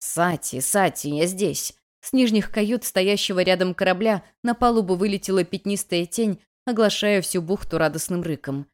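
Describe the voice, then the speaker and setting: A woman narrating a first-person fantasy audiobook in a lively, expressive reading style. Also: medium pitch, normal speed, few pauses.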